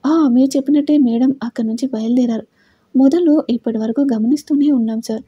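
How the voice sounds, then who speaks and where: A deferential hired man reporting what he saw, polite and matter-of-fact, voiced by a woman. Dark, husky tone, dry sound. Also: sits high, brisk, no echo, lo-fi sound. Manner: respectful, reporting. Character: hired male tracker, deferential.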